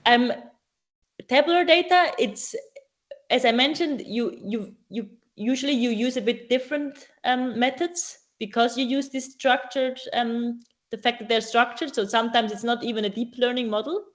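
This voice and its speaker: A woman answering questions at a student AI event, talking casually and often pausing with ums and restarting her sentences. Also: a little high. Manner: hesitant, many ums and restarts.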